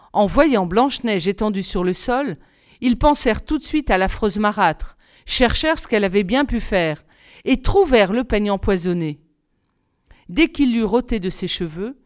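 A woman reads a fairy tale aloud with expressive, measured storytelling. Her voice is smooth and clear, recorded close with no room sound. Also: mid-range voice, no room sound. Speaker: reader.

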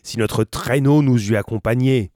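A man voicing a hardy ship's helmsman in a storybook reading, rough and colloquial in his grumbling. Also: mid-range voice, normal speed, mellow, no room sound, studio quality, lightly acted. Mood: gruff. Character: gruff, hardy male sailor, a ship's helmsman.

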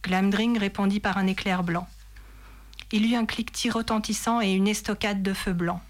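Woman, dramatic book reading, measured storyteller, mid-range voice. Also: medium pitch, fairly even intonation. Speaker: reader. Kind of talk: expressive reading of a novel passage.

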